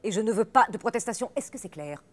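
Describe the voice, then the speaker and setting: A woman's voice: medium pitch, expressive, quick pace, pitched above the performer's own voice, close to an everyday voice. A woman voicing a stern, bossy surgeon who barks curt orders at her interns. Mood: commanding. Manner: curt, commanding.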